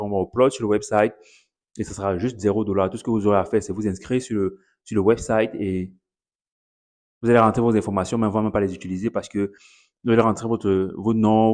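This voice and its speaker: A man with a fairly low voice speaks straight to his audience in a relaxed vlog. He rambles in a chatty way, circling back over his points and slipping English words into his sentences. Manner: chatty, repeats himself, mixes in English words. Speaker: content creator promoting his online academy. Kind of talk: casual direct-to-camera vlog.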